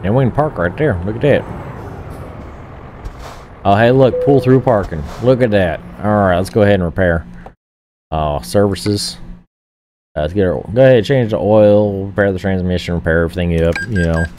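A deep-voiced man commentating a trucking game, sounding tired and drowsy. He rambles on with constant "uh" and "um", drifting into talking to himself. A steady hum of game engine noise runs under his voice. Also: moderate pace, pauses often. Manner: rambling, full of "uh" and "um", talks to himself. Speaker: gaming streamer. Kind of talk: casual gameplay commentary.

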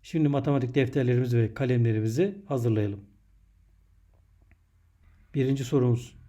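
Very dark-voiced man, measured dictating teacher. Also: mid-range voice. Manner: measured, dictating in short separated phrases. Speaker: primary school teacher. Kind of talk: scripted lesson narration for young pupils.

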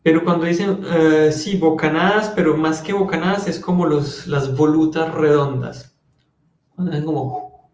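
A man teaching a French class in Spanish, slowly repeating words and switching between languages while calling on students by name. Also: fairly high pitch, echoey room. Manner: slow, patient, repeats words to drill pronunciation.

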